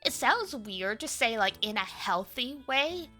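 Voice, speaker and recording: Her voice sits fairly high and has a sing-song, unhurried lilt. This young female streamer rambles through a casual, talkative chat packed with filler words while gentle cafe music plays.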